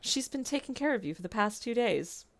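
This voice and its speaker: Woman doing a snide, taunting witch, swooping pitch. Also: animated, a little fast. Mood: snide lecturing. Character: smug, taunting female witch, teasing and snide.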